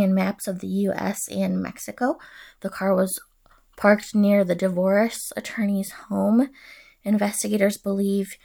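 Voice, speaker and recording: A woman's voice: mid-range voice, a little mellow, no echo. A woman hosting a podcast as a true crime narrator, telling the story plainly and conversationally with casual asides. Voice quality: creaky vocal fry. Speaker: podcast host.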